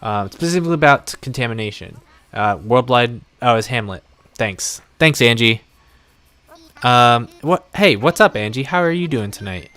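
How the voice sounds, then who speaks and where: A young adult man streaming live and chatting off the cuff, rambling from one thought to the next. His voice is smooth and resonant at a middle pitch. He sounds close to a desk mic. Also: lively intonation, moderate pace, no echo. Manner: chatty, rambling, warm toward viewers. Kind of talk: casual live-stream chat.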